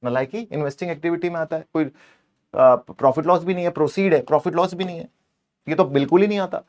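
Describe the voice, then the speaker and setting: A man's voice: on the high side, fast talker. A man teaching an exam-prep accounting lesson, playfully scolding the answer options and switching between Hindi and English.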